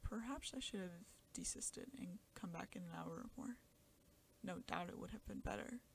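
A woman's voice: on the low side, normal speed, gravelly, slight background noise. A woman reading a classic short story aloud in an intense, often half-whispered dramatic style. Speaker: audiobook narrator. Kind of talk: scripted story narration.

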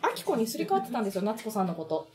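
A woman's voice: on the high side, very animated, very fast, a little mellow, soft background music. A middle-aged woman hosting a casual chat, seated at a table in a small office. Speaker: host.

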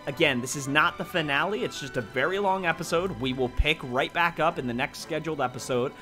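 Man, gameplay commentator, upbeat and chatty, fairly high bright voice. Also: a little fast, faint music behind. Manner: excitable, gushing, chatty. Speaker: let's play host.

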